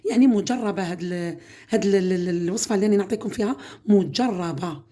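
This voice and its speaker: Fast-talking Algerian woman with a mellow voice. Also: medium pitch. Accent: Algerian Arabic. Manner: chatty, repeatedly calls viewers "my sisters". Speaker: home cooking channel host. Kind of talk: casual home-remedy demonstration.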